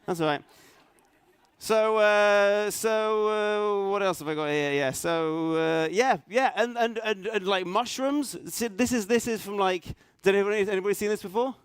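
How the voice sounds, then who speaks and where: Halting, high-voiced man giving a talk. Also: smooth, no echo. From Norway. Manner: halting, many restarts and fillers, self-deprecating. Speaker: conference speaker. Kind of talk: hesitant conference talk. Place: conference hall stage.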